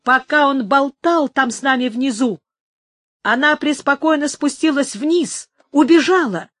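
A woman voicing a furious, menacing male thug who shouts threats in a read-aloud story. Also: high-pitched, a little slow, no room sound, studio quality, voice pushed up.

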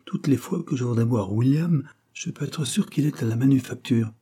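A man voicing a sarcastic young gentleman who grumbles and teases, in a read-aloud novel. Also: medium pitch, normal speed, husky, voice pushed up, natural voice. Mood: teasing. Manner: mocking, half-grumbling. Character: teasing young man, sarcastic but tender.

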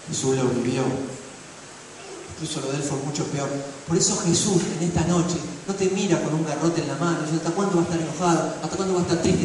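A man with a Rioplatense Spanish accent preaching a sermon, acting out crowd shouts and dialogue with passion. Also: a little high, noisy background. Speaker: pastor. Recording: echoey hall, voice from far off.

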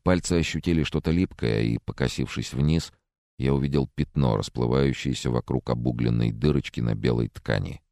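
Deep male audiobook reader, lively and expressive, dry close sound. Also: moderate pace, no echo. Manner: expressive reading. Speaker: audiobook narrator. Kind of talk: first-person thriller narration.

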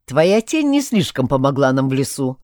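A woman's voice: extremely low pitch, sing-song, moderate pace, darkish tone, no room sound, pitched below the performer's own voice. A woman voicing a skeptical, curious young man with a dry, questioning manner.

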